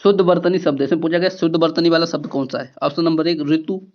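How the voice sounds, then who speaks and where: A man's voice: fairly high pitch, steady tone, fast talker, dull audio. A man teaching a grammar lesson for exam preparation, explaining step by step and repeating key words with rhetorical questions.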